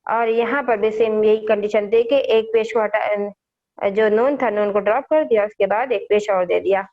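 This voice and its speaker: A woman's voice: medium pitch, fairly even intonation, normal speed. A woman teaching young children how to read the Quran, patiently repeating each point and quizzing them, heard over a dull, lo-fi online call.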